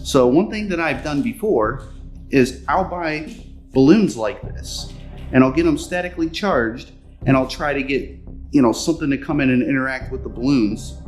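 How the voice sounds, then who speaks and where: Male investigator, medium pitch, informal and self-deprecating to camera, light music underneath. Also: moderate pace. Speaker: paranormal investigator. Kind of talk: casual talk to camera. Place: stuffy indoor upper room.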